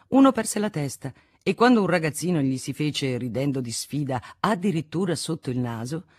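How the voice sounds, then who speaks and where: A woman narrating a classic novel in a measured, expressive reading voice. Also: sits low, breathy edge, dry recording. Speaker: audiobook reader. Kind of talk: literary audiobook narration. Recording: dry close studio sound.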